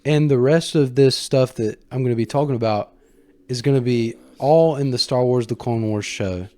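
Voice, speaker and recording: A man's voice: mid-range voice, moderate pace, dark tone, no room sound. Male fan commentator, mid-range voice, casual storyteller with colloquial asides and emphatic stresses.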